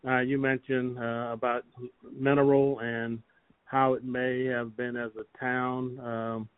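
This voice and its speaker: A man's voice: mid-range voice, level tone, slow, smooth, no room sound. An older man conducting an oral history interview, putting his questions tentatively with long hesitations. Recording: thin, phone-like, band-limited sound.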